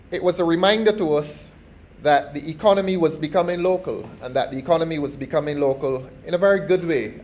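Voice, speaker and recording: A middle-aged man with a Barbadian accent gives a formal parliamentary speech, measured and deliberate, often restarting his phrases. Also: on the high side, a little mellow. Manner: measured and formal, with repeated false starts. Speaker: member of parliament.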